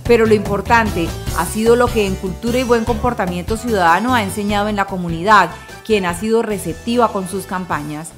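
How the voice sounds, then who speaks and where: A woman reporter reading a scripted news voice-over in an upbeat, even manner. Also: mid-range voice, brisk, few pauses. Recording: music bed behind voice-over.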